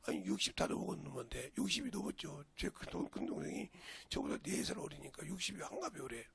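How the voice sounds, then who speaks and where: A man's voice: fairly high pitch, expressive, quick pace, gravelly, fairly bright tone, slightly rough. An older man with a Jeolla Korean accent, a pastor preaching a folksy, storytelling sermon with sudden emphatic rises. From Jeolla region, Korea.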